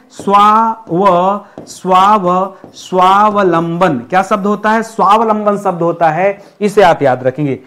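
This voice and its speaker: A male teacher with a high-pitched voice drills exam spelling in a lesson. He asks the class again and again which form is right and stretches the tricky words out slowly, syllable by syllable. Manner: repeats questions to the class, addresses viewers as friends.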